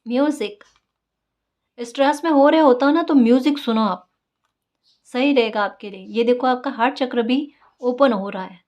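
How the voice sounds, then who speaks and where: A woman's voice: fairly high pitch, moderate pace, a little mellow. A woman tarot reader giving casual spiritual guidance, coaxing and encouraging, often asking her listeners "right?" and repeating key phrases.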